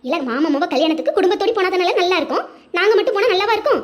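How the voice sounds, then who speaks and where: Cartoon nag: a woman playing an older mother-in-law with a Tirunelveli Tamil accent, very high and quick, bossy. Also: expressive. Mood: scolding. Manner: scolding, bossy. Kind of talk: cartoon voice acting.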